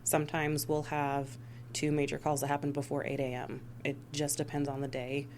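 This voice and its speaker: Low-pitched and monotone, with a darkish tone, a U.S. woman from Missouri and Rhode Island responds conversationally in an interview about her role as an emergency dispatch supervisor. She keeps a moderate pace over a faint hiss or hum.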